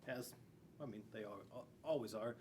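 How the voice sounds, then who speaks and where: A school resource officer in his forties reads to young children from a storybook in a school classroom, with playful, chatty asides along the way. His voice is on the low side, darkish in tone, at a moderate pace. The recording comes from a camera a few feet away, distant-sounding with faint room noise.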